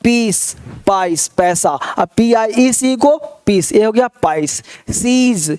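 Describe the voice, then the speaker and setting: A man's voice: high-pitched, animated, takes it slowly, a little mellow, smooth. A man teaching an online spoken-English lesson, reading word lists aloud and asking the class rhetorical questions to check they follow. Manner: encouraging, repeats key points.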